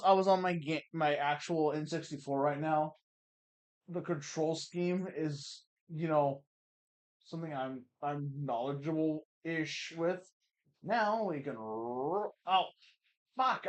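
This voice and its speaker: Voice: medium pitch, a little mellow. A gaming streamer giving casual let's play commentary, swearing often, with sudden frustrated outbursts and chatty asides to the audience. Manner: laughs easily, chatty asides.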